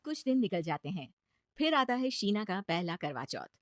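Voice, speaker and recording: A woman narrating a cartoon moral story in a brisk, scripted way. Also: medium pitch, very animated, no echo, clean studio sound.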